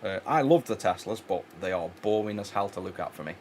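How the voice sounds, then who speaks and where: A man with a low voice talks loosely while he works on electronics at his bench. He rambles, restarts his sentences and fills gaps with ums. A faint noise sits under the recording. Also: lively intonation, a little fast, a little mellow. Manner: rambling, many fillers and restarts. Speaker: electronics repair channel host. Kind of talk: casual chat while working.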